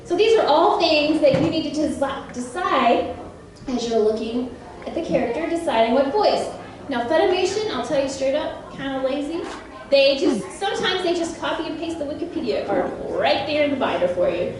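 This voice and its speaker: High, chatty woman in an echoey hall. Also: normal speed, far from the mic, crowd noise. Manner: chatty and animated, laughs often, quizzes the audience. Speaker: voice actress on a convention panel. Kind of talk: convention panel talk to an audience. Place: large convention panel room.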